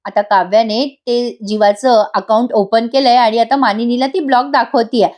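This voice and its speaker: A woman's voice: a little high, steady tone, moderate pace, darkish tone. A woman narrating a voice-over recap of a TV serial, chatting directly to her viewers. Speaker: TV serial reviewer.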